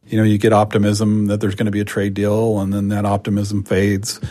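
A man's voice: on the low side, monotone, fairly quick, mellow, no room sound. A man giving economic commentary as an analyst in an interview.

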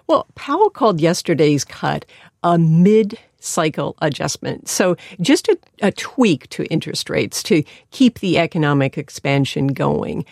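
A woman's voice: deep voice, sing-song, a little slow, vocal fry, darkish tone, no echo, clean studio sound. A woman explaining news as a radio reporter.

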